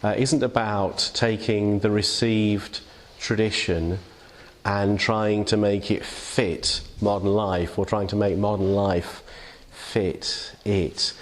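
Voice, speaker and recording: A man's voice: lowish voice, little pitch movement, takes it slowly. An English man giving an informal, conversational sermon reflection in church, with many fillers and restarts. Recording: long reverb of a church hall.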